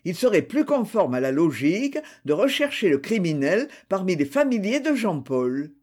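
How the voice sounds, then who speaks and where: A man's voice: high-pitched, very animated, normal speed, darkish tone. A man voicing an accused man who protests his innocence, vehement and indignant.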